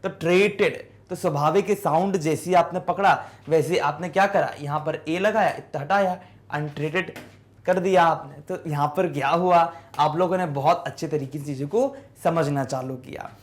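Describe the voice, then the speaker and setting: A man teaching English spelling in a class lesson. He keeps asking his students questions and answers them himself, and he sounds out words slowly, one syllable at a time. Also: a little high.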